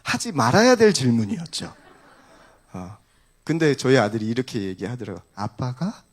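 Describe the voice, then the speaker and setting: Man, pastor, middle pitch, lively rising and falling voice, sermon storytelling. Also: brisk. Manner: animated storytelling, acts out family dialogue.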